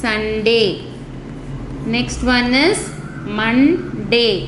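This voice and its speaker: Recorded in an echoey room with faint background noise, this Tamil-accented woman speaks very slowly in a voice on the high side. She is giving young children a lesson, moving between Tamil and English and spelling words one letter at a time.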